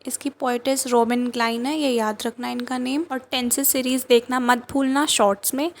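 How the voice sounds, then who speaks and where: A young Indian woman teaching, reading out a poem slowly and explaining it in plain Hindi. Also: a little high, little pitch movement.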